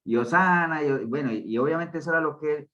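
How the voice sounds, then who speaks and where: A man's voice: on the high side, a little fast, fairly bright tone, lo-fi sound. A man leading a Bible study group, teaching conversationally in loose phrases and checking in with listeners through frequent tag questions. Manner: talks in loose, restarting phrases.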